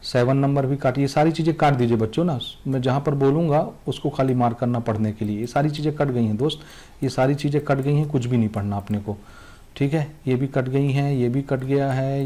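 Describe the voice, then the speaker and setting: Mellow-voiced Hindi-speaking male teacher. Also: medium pitch, steady tone, a little fast. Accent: Chhattisgarhi Hindi. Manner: repetitive, urging students to cross out topics. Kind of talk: classroom lesson addressed to students.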